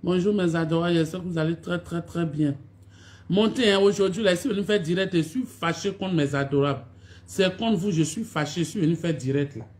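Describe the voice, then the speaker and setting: A woman's voice: fairly low pitch, a little fast, a little mellow. A woman talks on a phone live stream, greeting her followers over and over and scolding them for not showing up. She sounds repetitive and reproachful. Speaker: online video personality hosting a live stream.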